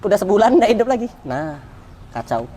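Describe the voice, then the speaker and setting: A man, an interview guest, telling a personal story in a vivid, repetitive way that swings from loud to hushed. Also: sits high, sing-song, brisk.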